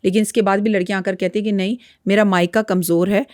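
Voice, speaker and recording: A woman's voice: mid-range voice, steady tone, fast, a little mellow, dry recording, studio quality. A woman astrologer speaking as a podcast guest, frank and lecturing in a blunt, outspoken way. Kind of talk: podcast interview talk.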